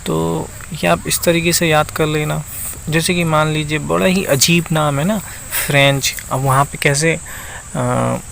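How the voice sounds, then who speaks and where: A man teaching a map lesson, speaking slowly and repeating himself, often checking in with the viewer. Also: medium pitch, gravelly, fairly bright tone, slight background noise, low-quality recording. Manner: slow, repeats itself and keeps checking in with the viewer.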